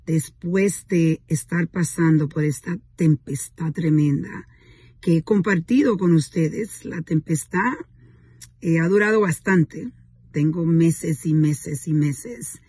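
Earnest reflective woman, slow and breathy. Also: sits low, darkish tone, no echo, clean studio sound. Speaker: speaker sharing a daily reflection. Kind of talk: personal reflective monologue.

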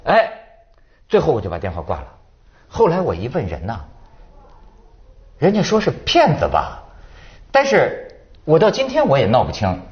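A man on a talk show telling an animated story in casual chat, acting out both sides of a phone call. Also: mid-range voice, moderate pace, long pauses. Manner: animated storyteller, acts out dialogue.

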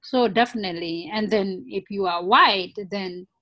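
A woman's voice: mid-range voice, normal speed, pushed and bright, no room sound. Earnest woman. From Africa. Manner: earnest, reflective, many "you know" fillers. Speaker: interview guest. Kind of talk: conversational interview.

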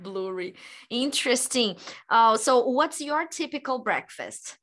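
Bright-voiced woman asking curious questions. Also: on the high side, expressive, measured pace. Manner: curious, asks many follow-up questions. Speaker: English teacher. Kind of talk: casual conversation lesson.

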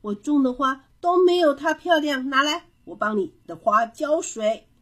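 A woman's voice: high-pitched, moderate pace, a bit bright, pitched above the performer's own voice. A woman voicing a nearsighted old male mole who wears glasses and gardens. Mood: admiring.

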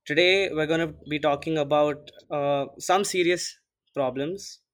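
A man's voice: on the high side, fairly even intonation, measured pace, fairly bright tone. A teenage boy from India co-hosting a casual podcast, talking loosely with lots of fillers. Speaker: podcast co-host.

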